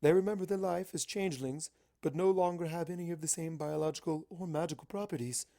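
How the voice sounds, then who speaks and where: A woman voicing a calm, regal mare princess in a storybook reading, with measured, formal, motherly speech. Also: lowish voice, lightly acted. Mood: serene, pleased.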